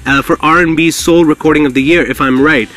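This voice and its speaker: Male radio host, forceful bright tone, raised pitch, hyped slangy delivery. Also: steady tone, a little fast. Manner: hype-filled, repetitive, slangy. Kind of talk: live radio interview, effusive hosting.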